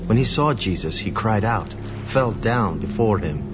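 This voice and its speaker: A man narrating scripture in a steady, even storytelling way. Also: fairly low pitch, unhurried. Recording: dull lo-fi audio with music behind.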